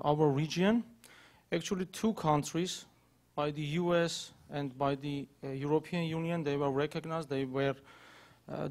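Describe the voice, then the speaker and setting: Audience scholar, man, slightly high voice, hesitant. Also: darkish tone. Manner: hesitant, repeats words. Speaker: visiting scholar asking a question. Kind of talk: audience question.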